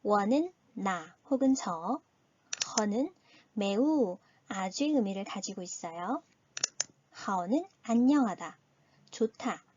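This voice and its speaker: A woman's voice: mid-range voice, a little mellow, dull audio, slight background noise. Woman, language teacher, patient explaining, close mic, recorded lesson. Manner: patient explaining, models pronunciation slowly.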